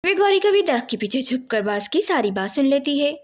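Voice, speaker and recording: A woman narrating a children's cartoon moral story in an expressive, sing-song manner. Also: sits high, brisk.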